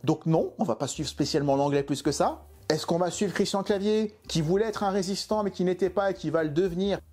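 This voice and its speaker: A man's voice: high voice, fairly quick, darkish tone, soft background music. A man reviewing a film in an exasperated, emphatic way, full of rhetorical questions. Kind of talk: opinionated video film review.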